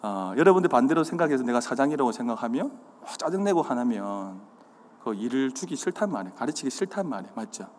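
A man's voice: mid-range voice, quick pace, a little hiss or hum. A man preaching a sermon, quizzing his congregation with questions and acting out the signs of anger. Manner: animated, acts out anger. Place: church sanctuary. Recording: hall reverb.

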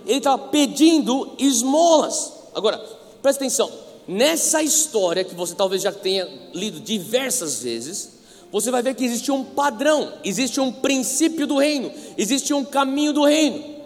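A man's voice: very high voice, in a large hall. A Brazilian man preaching a passionate sermon as a pastor, calling on listeners to repeat his words. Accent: Brazilian Portuguese.

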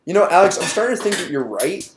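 Jokey male podcast host, lively voice. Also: high voice, fast. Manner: jokey and crude, laughs a lot. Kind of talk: casual chat. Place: at home. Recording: roomy room with faint noise.

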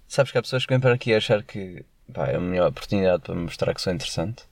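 A man's voice: sits low, animated, racing, vocal fry, no echo. A young man with a European Portuguese accent, hosting a podcast in casual chat, joking, swearing casually and putting on mock voices. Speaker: podcast host.

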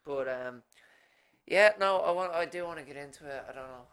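A man's voice: on the high side, moderate pace, a bit bright, smooth. A young man co-hosting a podcast, joking around and chipping in with asides. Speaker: podcast co-host. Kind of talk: casual chat.

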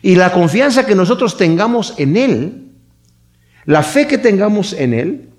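A pastor in full sermon mode, speaking with a somewhat high male voice. He preaches conversationally, tossing in rhetorical questions and restarting phrases. His delivery rises and drops sharply in pitch and volume. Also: a little slow. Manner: conversational preaching, frequent "¿verdad?" asides and repetitions; animated, with wide swings in pitch and loudness.

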